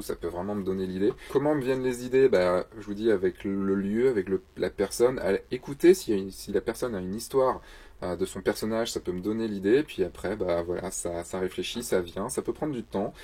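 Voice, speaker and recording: A man with a slightly low, husky voice hosts a casual question-and-answer vlog about photography. He talks in a loose, chatty way and keeps slipping in self-mocking jokes. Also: darkish tone.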